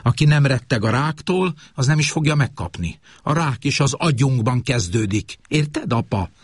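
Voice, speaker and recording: A man's voice: mid-range voice, expressive, slightly rough, dry recording, clean studio sound, pitched above the performer's own voice. A man voicing a preachy young adult daughter who lectures insistently. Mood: lecturing.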